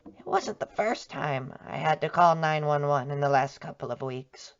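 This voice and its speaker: In an audio drama, a woman with a deep voice plays a guarded, uneasy suburban neighbor, speaking tersely and hesitantly yet animated, at normal speed. Her voice is muffled beneath clear background music.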